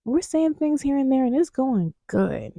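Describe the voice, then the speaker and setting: A young woman vlogger telling candid stories in a frank, profane way. She swings between loud outbursts and hushed, near-whispered asides. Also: high voice, very animated, moderate pace, creaky, dry recording. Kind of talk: candid casual storytelling.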